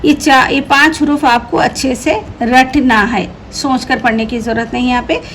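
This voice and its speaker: A woman teaching an Urdu reading lesson, repeating each word slowly and patiently explaining how the letters sound. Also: sits high, steady tone, a bit bright, slight background noise, rough recording. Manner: slow drilled repetition of each word.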